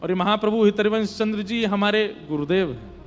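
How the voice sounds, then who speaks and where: A man telling a devotional story in a sermon, emotive, his voice swelling louder on devotional lines. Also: high-pitched, fairly quick. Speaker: Bhagavat storyteller. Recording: long hall reverb.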